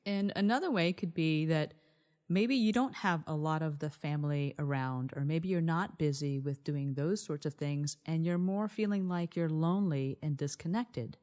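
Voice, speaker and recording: A woman's voice: sits low, normal speed, darkish tone. A woman co-hosting a wellness podcast, explaining things earnestly in a conversational style. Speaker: podcast co-host.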